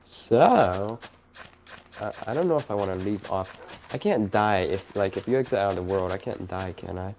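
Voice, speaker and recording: A man's voice: on the low side, expressive, moderate pace, a little mellow, slight background noise. A man chatting casually while playing a game, teasing his friends with jokey banter. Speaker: let's play gamer. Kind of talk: casual gaming chat.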